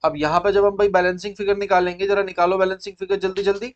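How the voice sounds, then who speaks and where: A man's voice: high voice, level tone, fast talker, lo-fi sound. A man with an Indian accent teaching accounting in a lecture style, quizzing his pupils and repeating key points in mixed Hindi and English.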